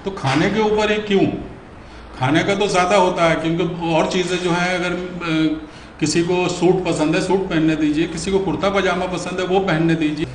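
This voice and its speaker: A man's voice: high voice, steady tone, moderate pace, slight background noise. A man making a pleading, argumentative case in an interview. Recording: echoey room.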